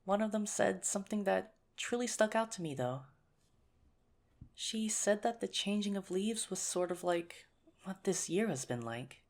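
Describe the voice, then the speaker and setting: Using a creaky, mid-range voice, a woman portrays a shy, nerdy young teacher earnestly courting a crush in a conversational ASMR romantic roleplay. She comes across as a little hesitant and gently pokes fun at herself.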